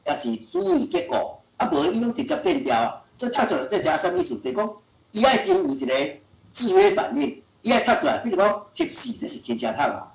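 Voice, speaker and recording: A man's voice: sits high, creaky. A male lecturer giving an online language lesson in a chatty way, full of filler sounds. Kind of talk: online teaching talk. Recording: roomy echo.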